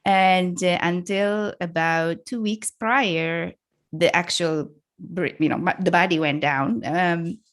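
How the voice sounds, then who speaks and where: Woman guest from Indonesia, middle-aged, slightly low pitch, thoughtful, frequent laughs. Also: steady tone, slow pace. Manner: reflective, laughs often, restarts sentences. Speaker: podcast guest. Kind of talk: casual interview conversation.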